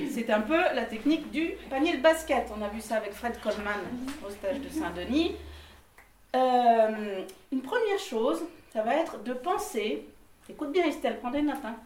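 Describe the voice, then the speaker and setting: A woman leading a choir singing workshop, explaining technique with frequent laughs and short sung examples. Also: high voice. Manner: lively, laughs often, sings examples. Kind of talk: vocal workshop instruction. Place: room with a group of singers. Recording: echoey room, from a distant mic.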